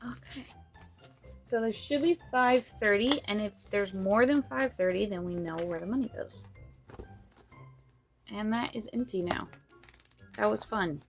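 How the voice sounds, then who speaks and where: A woman talks slowly and in a mostly monotone way while she sorts and counts cash for her budget. She thinks out loud and often drops to a murmur as she counts bills. Faint music plays quietly behind her. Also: medium pitch. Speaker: budgeting vlogger.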